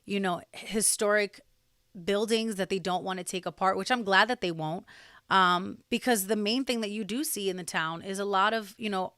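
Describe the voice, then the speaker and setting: A woman's voice: mid-range voice, normal speed, fairly bright tone, smooth, no room sound, clean studio sound. A young woman from New Jersey, chatting as a podcast guest with lots of fillers and restarts. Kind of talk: casual interview conversation.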